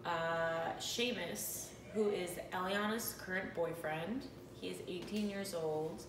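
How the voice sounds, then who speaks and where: Slow-talking woman in a roomy, noisy house. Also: fairly low pitch. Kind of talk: casual comic storytelling to camera. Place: indoors, open kitchen and hallway at home. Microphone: phone camera a few meters away. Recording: roomy, distant mic, noisy.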